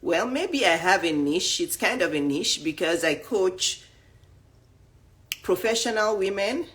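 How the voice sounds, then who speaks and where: Animated and a little slow, a lowish, slightly bright female voice belongs to a dating and life coach. She speaks to the camera with blunt emphasis, reeling off question after question.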